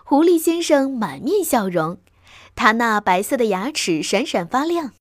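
Expressive woman reading a bedtime story. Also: a little high, a little slow, no echo, clean studio sound. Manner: expressive, lively narration.

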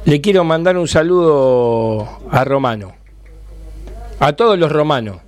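A man with a Rioplatense Spanish accent hosting a casual, jokey fan radio show, fast-talking and excitable. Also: on the high side.

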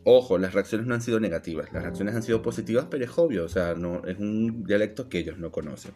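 Fairly low in pitch and quick-talking, this man speaks over soft background music. He co-hosts a casual podcast, and his Venezuelan Spanish accent carries a partial Argentine lilt as he tells lively stories, performing the quoted dialogue.

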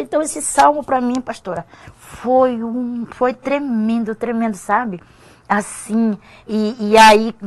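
A woman's voice: medium pitch, darkish tone. An older woman giving an emotional personal testimony as a guest on a church talk show. She often repeats herself, and her voice rises when she is moved.

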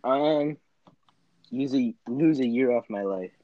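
A man's voice: medium pitch, takes it slowly, no room sound, lo-fi sound. A teenage guy hosting a casual video-call chat with friends, teasing and laughing often. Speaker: host.

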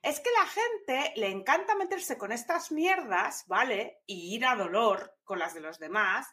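A woman's voice: a little high, very animated, unhurried, fairly bright tone. A woman in casual chat, blunt and outspoken, swearing freely and talking over the others.

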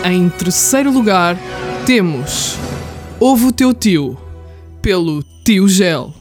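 A woman with a European Portuguese accent formally announcing awards in a scripted, drawn-out way with pauses. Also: lowish voice, animated, music in the background. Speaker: awards presenter.

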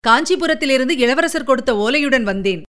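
Brief: a woman playing a respectful young warrior in a radio story, polite, fairly high voice. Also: animated, a little fast, fairly bright tone. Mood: humble. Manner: polite, deferential replies. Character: humble young male warrior messenger.

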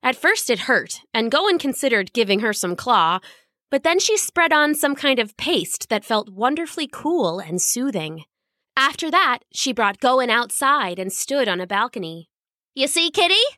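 A woman narrating a children's storybook in an expressive, lively reading. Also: fairly high pitch, unhurried, no echo, clean studio sound.

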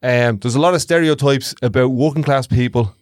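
A man's voice: medium pitch, fairly quick, no room sound, clean studio sound. An Irish-accented man talking casually and reflectively as co-host of a podcast.

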